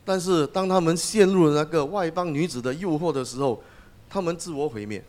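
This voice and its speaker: A man's voice: on the high side, brisk, darkish tone. A man interpreting a sermon phrase by phrase, with some hesitations as he goes.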